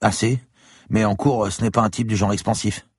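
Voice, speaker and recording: A man voicing an evasive young male student who answers police questions in an offhand, defensive way, with a husky voice. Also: lowish voice, fairly even intonation, moderate pace, no room sound, studio quality, voice pushed up.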